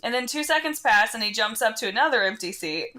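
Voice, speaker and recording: A woman's voice: fairly high pitch, lively intonation, quick pace, sharp tone. A young woman co-hosting a comedy podcast, telling a story in casual chat, acting out the dialogue and laughing often. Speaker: podcast co-host.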